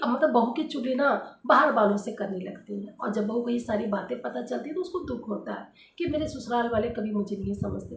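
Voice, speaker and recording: A woman speaks as a housewife giving advice, in a fairly high voice. She talks earnestly and directly to her viewers and circles back to the same points. Her voice carries a roomy echo with a faint hiss behind it. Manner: earnest, direct, repeats points with many fillers. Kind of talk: casual advice talk to viewers.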